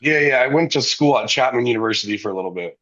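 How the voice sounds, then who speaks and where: Bright, husky-voiced podcast host. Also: male voice, mid-range voice, lively intonation, rapid-fire. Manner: asks short questions, many brief acknowledgements. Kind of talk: casual podcast chat. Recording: dull lo-fi sound.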